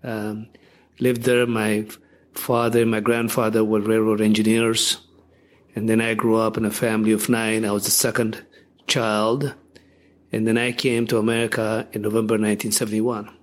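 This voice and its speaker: An older man from Ethiopia, a podcast guest telling his life story in a reflective, halting way. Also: lowish voice, monotone. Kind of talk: interview storytelling.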